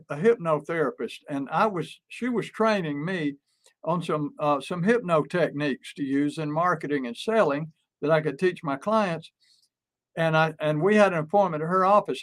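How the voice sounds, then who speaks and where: An older man co-hosting a podcast, telling folksy sales stories with many fillers and repeated words. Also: a little high. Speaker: podcast co-host, pest control sales trainer. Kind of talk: casual podcast talk.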